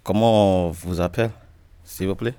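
A man's voice: low-pitched, fairly even intonation, moderate pace, dark tone, clean tone. A man from Nigeria asking questions in a group, hesitant and often restarting his sentences. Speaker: interviewer. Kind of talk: casual interview in a group.

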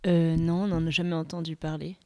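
Flat, smooth-voiced hesitant woman. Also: sits low, brisk. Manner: hesitant, many fillers. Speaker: interviewee.

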